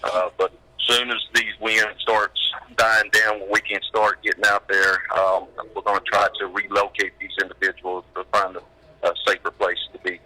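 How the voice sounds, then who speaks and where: A man speaks over a phone line into a live news broadcast. His voice is low-pitched with a very bright, sharp edge. He gives a plain, halting official update, stopping often to find his words. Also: level tone. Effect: heard over a phone line. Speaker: emergency management director.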